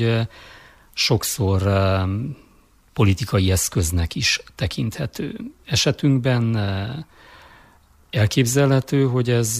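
A male interviewer with a fairly low voice. He puts his questions in a formal, deliberate way. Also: darkish tone.

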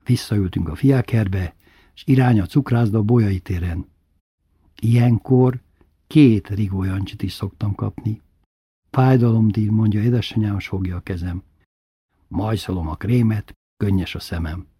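A man reading a childhood memoir aloud as narrator, in a subdued, intimate storytelling manner with a husky voice. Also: lowish voice, mellow, no room sound, clean studio sound.

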